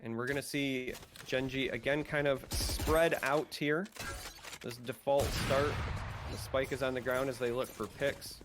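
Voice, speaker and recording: Midwest guy casting a video game match, mid pitch, gets loud on big plays, faint hiss behind. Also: fairly even intonation, a little slow. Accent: American Midwest. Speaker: esports caster. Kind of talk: play-by-play commentary.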